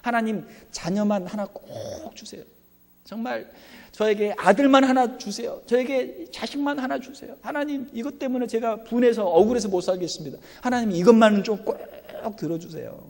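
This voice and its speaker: A pastor voicing an anguished childless woman who wails aloud as she pleads in prayer. The voice is pushed well above his usual pitch, in sobbing, pleading cries. It rings with a long hall reverb. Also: moderate pace.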